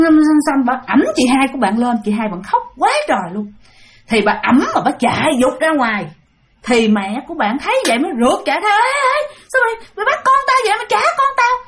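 A woman telling ghost stories to her fans in a chatty way, often turning to address the listeners. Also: on the high side. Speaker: ghost story teller. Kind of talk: casual spoken storytelling to fans.

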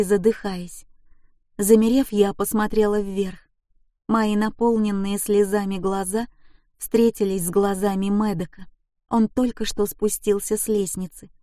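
A woman's voice: mid-range voice, dark tone, no room sound, clean studio sound. A woman reading an emotional first-person audiobook in a gripping, intense way. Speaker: audiobook narrator.

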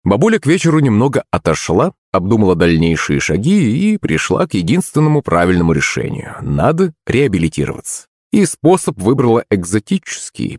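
A low-voiced man reads an audiobook with lively, swinging intonation. His dramatic telling rises and falls freely through the story. The sound is close and dry, with no room echo. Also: breathy edge. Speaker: audiobook narrator. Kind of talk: scripted audiobook narration.

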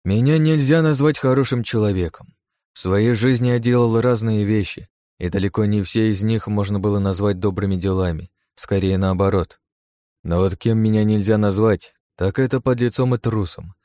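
A man reading a first-person adventure audiobook in a steady, measured storytelling voice. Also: lowish voice, no echo, clean studio sound. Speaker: audiobook narrator. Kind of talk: first-person scripted narration.

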